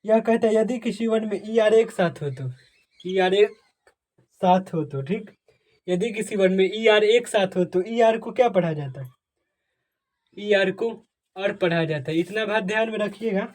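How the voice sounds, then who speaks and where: Unhurried and slightly mellow, a high-voiced English teacher covers English pronunciation rules in a Hindi tutorial. He asks questions, answers them himself, repeats what matters, speaks to viewers as dear friends, and asks them for comments.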